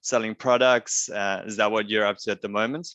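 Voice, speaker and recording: A man with a bright, forward voice hosts a relaxed interview. He talks in an easygoing, chatty way, filling gaps with "like" and "you know", and his voice sounds dry and close to the mic. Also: fairly low pitch, a little fast, no echo. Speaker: interview host. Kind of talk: casual interview chat. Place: coastal city in Vietnam.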